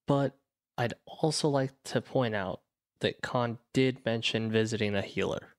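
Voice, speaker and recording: A man voicing Logic, a devoted, witty partner in an audio drama, gentle and reassuring. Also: medium pitch, unhurried, no room sound, studio quality, close to an everyday voice. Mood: tender.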